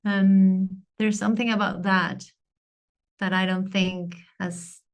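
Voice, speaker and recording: A woman from Argentina, a podcast guest, talking thoughtfully and searching for words with many pauses. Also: medium pitch, level tone. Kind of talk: reflective conversation.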